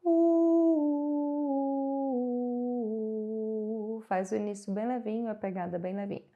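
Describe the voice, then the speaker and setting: A woman giving a singing lesson, calmly explaining and guiding vocal exercises. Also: medium pitch, fast talker, phone-quality sound, soft background music. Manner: calm, guiding, explains then demonstrates. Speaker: singing teacher.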